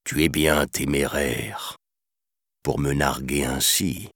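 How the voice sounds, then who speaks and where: Man voicing a gloating storybook tiger, deep hushed voice, slow and menacing, dry recording. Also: big pitch swings, gravelly, breathy edge, no room sound, exaggerated voice. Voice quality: soft hushed voice. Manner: slow and gloating, drops into a whisper. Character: grumbling old male tiger, menacing and sly. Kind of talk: storybook narration.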